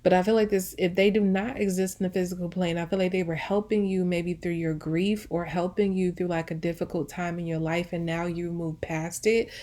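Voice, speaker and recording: Giving an intuitive pick-a-card reading, a tarot reader and host speaks casually and conversationally, often circling back to rephrase her thoughts. Her voice is lowish and dark, level in tone, a little fast, with few pauses.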